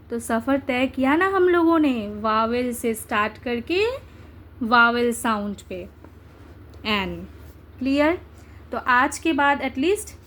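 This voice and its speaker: A young woman teaches English grammar at an unhurried, deliberate pace, her voice sitting a little high. She coaxes her students along and keeps checking that they follow. A faint hiss sits under the recording. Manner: coaxing, checks understanding with repeated tag questions. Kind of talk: exam-prep grammar lesson.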